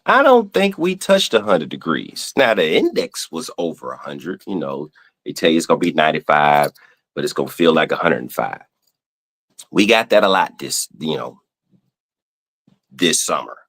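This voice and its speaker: Casual podcast host, Southern US man, deep voice that swings wide, playful exasperated rant. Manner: animated, playfully exasperated, swearing. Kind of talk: casual ranting monologue.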